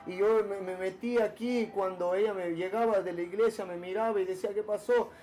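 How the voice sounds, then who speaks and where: A man recounts his testimony to a pastor in an earnest, emotional way. His voice sits high for a man, and he often stalls and repeats words before pushing on. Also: steady tone, a little mellow. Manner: halting, with many repeated words and restarts. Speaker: church member giving testimony. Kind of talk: personal testimony told to a pastor.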